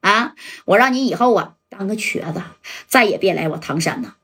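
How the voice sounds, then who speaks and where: A woman's voice: mid-range voice, expressive, a little fast, a bit bright, slightly rough, voice pushed down. A woman voicing a cocky young male thug in a spoken crime story, sneering and bullying.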